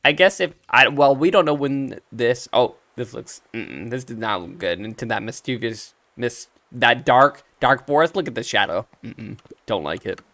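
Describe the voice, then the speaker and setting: Playing through a video game, a man offers playful, animated commentary, voicing characters as he reads their lines and reacting as a let's play streamer. He speaks at medium pitch and moderate pace with hardly any pauses, and there's no echo.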